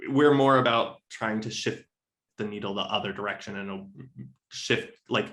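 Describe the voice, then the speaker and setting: As a guest on a literary podcast, a man discusses things casually, thoughtful and self-correcting, often checking his points with tag questions. His voice is lowish and a bit bright, at a moderate pace.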